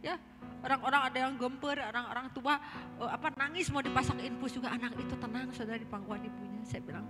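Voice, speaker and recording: A woman's voice: high voice, steady tone, fast talker. Sundanese woman giving church testimony. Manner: storytelling, keeps addressing listeners as brothers and sisters. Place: church hall. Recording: echoey hall with guitar music behind.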